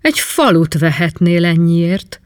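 A man voicing a hot-tempered old sea captain who shouts and blusters in a storybook reading. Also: a little high, animated, dry recording, studio quality, natural voice. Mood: hearty.

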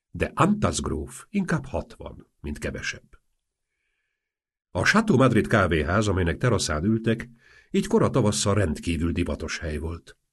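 A man narrating a humorous novel in an expressive, wry audiobook reading. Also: deep voice, slightly rough.

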